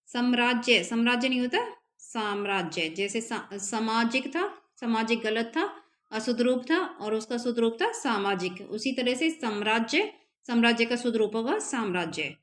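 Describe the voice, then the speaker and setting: A woman teaching an exam-prep spelling lesson, repeating each word slowly and carefully so students can copy it down. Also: a little high, expressive. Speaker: Hindi teacher.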